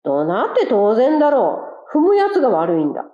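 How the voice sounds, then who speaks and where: A woman voicing an indignant, shouting male quail. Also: on the high side, huge pitch swings, normal speed, reverberant. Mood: furious. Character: touchy, quarrelsome male quail. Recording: dull lo-fi recording.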